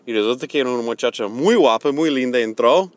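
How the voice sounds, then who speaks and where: A middle-aged man teaching on Bible words, earnest and slow, mixing a personal confession into his explanation. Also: mid-range voice, animated, no echo. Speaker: preacher.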